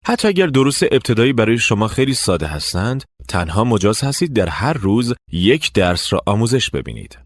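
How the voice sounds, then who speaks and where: A man narrating a language lesson, giving clear step-by-step instructions. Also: on the low side, sing-song, few pauses. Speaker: language teacher.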